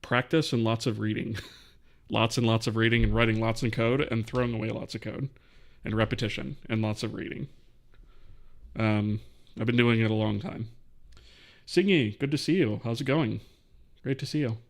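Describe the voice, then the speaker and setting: A man's voice: on the low side, steady tone, normal speed, long pauses. A man hosting a live coding stream, thinking aloud as he types and answering questions from chat.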